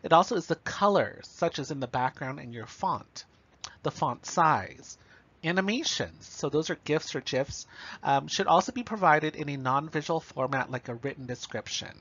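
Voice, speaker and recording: A man with a slightly higher voice delivers a recorded lecture, explaining each point plainly and checking in with "okay" and "right". The recording is a bit muffled and lo-fi. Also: expressive, moderate pace, fairly bright tone, husky.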